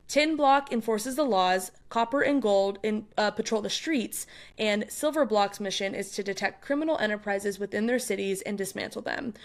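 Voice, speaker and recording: A young adult woman co-hosting a book club podcast, recapping chapters in an animated, casual way with frequent laughs and quick asides. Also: mid-range voice.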